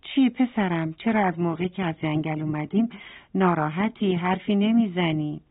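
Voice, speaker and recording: A woman voicing a gentle, caring mother turtle in a bedtime story, soft and soothing. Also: fairly low pitch, close to an everyday voice. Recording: tinny phone-like sound.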